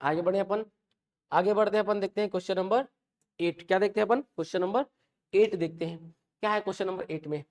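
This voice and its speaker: A man's voice: sits high, steady tone, fast, a little mellow. Male tutor, teaching grammar by asking questions and repeating the answers. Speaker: English teacher. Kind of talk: classroom lecture.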